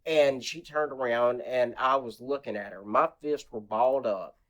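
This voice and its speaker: A man's voice: medium pitch, normal speed. Rambling male guest telling a story. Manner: animated retelling, acts out quotes in a raised voice; rambling, many restarts and fillers. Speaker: interview guest. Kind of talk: casual storytelling.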